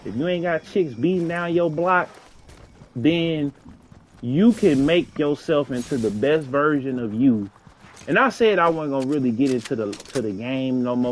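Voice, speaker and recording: St guy rambling earnest advice while gaming, slangy, repeats himself, little hiss behind. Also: fairly high pitch. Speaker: gaming streamer.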